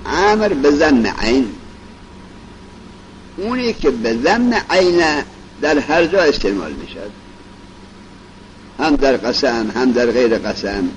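Man lecturing on grammar, lively pitch. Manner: explains in plain speech, reciting Arabic examples slowly. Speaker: teacher of Arabic grammar. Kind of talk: colloquial classroom lecture. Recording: dull lo-fi recording with faint vehicle noise.

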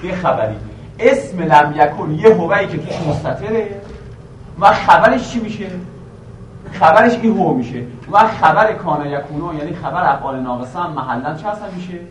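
A male teacher giving a classroom grammar lesson, quizzing his students with questions and reciting a verse slowly again and again. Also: fairly high pitch, animated, slight background noise. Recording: echoey room, voice from a distance.

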